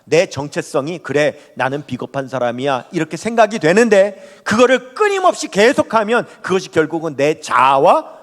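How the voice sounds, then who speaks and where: Animated preaching pastor, man. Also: a little high, moderate pace, few pauses. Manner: animated, rising and falling, speaks to the congregation directly. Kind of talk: sermon. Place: church sanctuary. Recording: long hall reverb.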